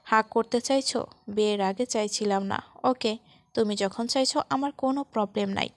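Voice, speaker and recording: A woman voicing a teasing young man, cocky, soft and calm, gravelly voice, dry close sound, storybook. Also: on the high side, normal speed, dry recording, lightly acted.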